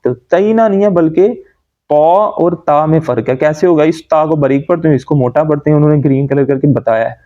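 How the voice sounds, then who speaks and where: A man teaching correct Quran recitation, explaining common pronunciation mistakes and then reciting words slowly to demonstrate. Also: a little high, mellow, muffled recording. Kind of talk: tajweed lesson.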